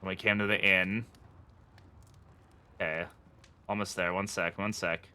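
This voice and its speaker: An English-born game streamer raised in the US talks to chat in an American accent, offering chatty live commentary full of jokes and muttering to himself. His voice sits low and is clear and resonant, pushed and bright, with a flat, unhurried delivery.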